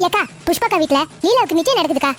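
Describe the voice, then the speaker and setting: A woman's voice: extremely high pitch, animated, rapid-fire, fairly bright tone, soft background music. A woman voicing an anxious, hesitant neighbor woman in a cartoon family drama, who stammers and pleads.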